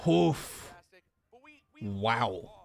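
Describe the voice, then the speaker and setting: Animated thirty-year-old man streaming live. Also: on the low side, drawn-out words, gravelly. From Canada. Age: 30s. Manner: animated, talks straight to chat, swears, jokes at himself. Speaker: pro wrestling streamer. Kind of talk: casual live-stream watch-along chat. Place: room in his rented home.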